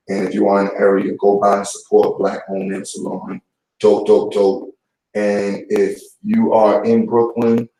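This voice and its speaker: This YouTube commentator has a mellow voice on the low side and goes on a casual, blunt vlog rant heavy with street slang, restating his points. He's recorded far from the mic in an echoey room.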